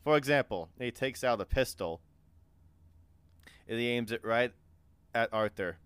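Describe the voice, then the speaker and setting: A man narrating as game master in an informal, halting, amused improvised style. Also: mid-range voice, fairly bright tone, clean tone, dry recording.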